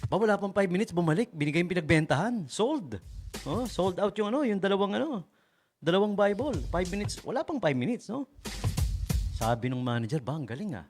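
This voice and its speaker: A man's voice: sits high, sing-song, fairly quick, faint music behind. A man with a Filipino accent, a radio DJ in casual, joking chat who keeps adding tag questions. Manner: chatty, joking, often adds "no?" and "promise". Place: radio studio.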